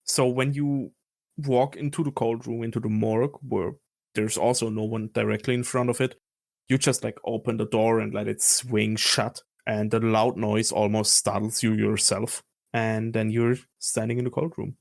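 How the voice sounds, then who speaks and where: A man's voice: fairly low pitch, flat delivery, normal speed, gravelly. A man narrating a tabletop game as game master, loose and profane. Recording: music bed underneath.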